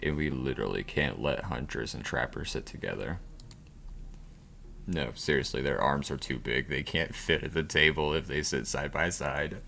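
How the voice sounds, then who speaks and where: A man's voice: very deep voice, moderate pace, gravelly, pushed and bright, a little hiss or hum. A male streamer making wry, crude, joking asides while playing a dating game. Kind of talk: casual game commentary.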